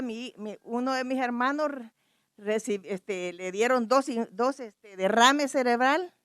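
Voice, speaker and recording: A woman's voice: a little high, clean tone, no room sound, clean studio sound. A middle-aged woman, a pastor's wife, giving an earnest, fervent church testimony. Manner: earnest, fervent, praising God.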